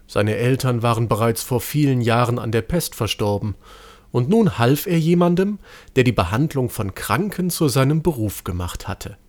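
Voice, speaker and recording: A man narrating a children's story with an expressive reading. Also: mid-range voice, moderate pace.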